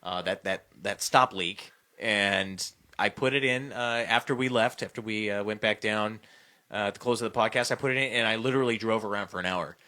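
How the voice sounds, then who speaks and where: A man's voice: fairly low pitch, a little fast, sharp tone. A man hosting a casual podcast, telling a story in a rambling way, full of fillers and restarts. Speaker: podcast host.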